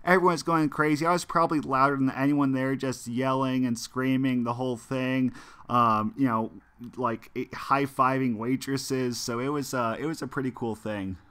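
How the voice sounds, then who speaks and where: While playing a mobile football game on stream, this young American chats casually with viewers, often restarting sentences and filling pauses. He has a mid-range voice with a sharp, clean tone.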